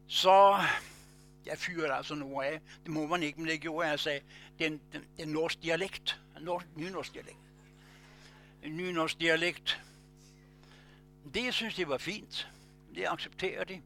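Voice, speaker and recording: A man preaching a sermon, telling stories with loud emphatic bursts and low quiet asides.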